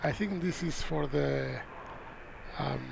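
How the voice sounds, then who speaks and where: A man's voice: a little high, takes it slowly, vocal fry, a little hiss or hum, poor audio. A man hosting a plane spotting livestream, chatting casually to viewers in live commentary.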